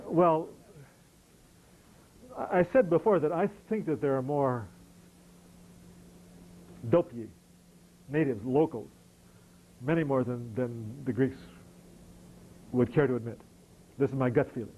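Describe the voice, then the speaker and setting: A man's voice: medium pitch, measured pace, long pauses, narrow, tinny audio, slight background noise. A middle-aged American man answering audience questions after a lecture, conversational and wry, with frequent restarts. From United States. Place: lecture hall.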